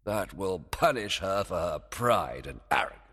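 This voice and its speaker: A man's voice: low-pitched, expressive, measured pace, a bit bright, husky, in a large hall, exaggerated voice. A man reading a storybook aloud, voicing a proud and scheming fairy king who gives stern commands and gloats. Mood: gloating.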